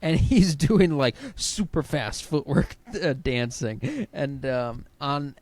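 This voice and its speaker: A man co-hosting a podcast, telling stories in relaxed casual chat, laughing lightly and repeating words as he starts. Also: a little high, slow pace, dry recording. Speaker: podcast co-host.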